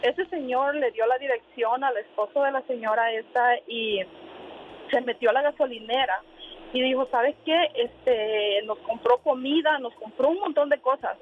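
A woman's voice: high voice, normal speed, a little hiss or hum. A woman calling in from her car, telling a personal story with many hesitant fillers. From Honduras. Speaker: caller. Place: in a moving car. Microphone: phone. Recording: tinny phone line.

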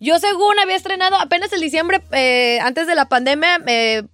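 A woman's voice: very high-pitched, brisk, fairly bright tone, dry recording. A woman chatting casually as a radio co-host. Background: music.

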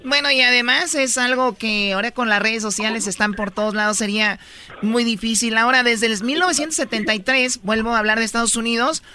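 A man's voice: very high-pitched, brisk, bright, forceful tone, clean tone. A man hosting a Spanish-language radio talk show from the United States, leading the discussion in a conversational way. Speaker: radio host.

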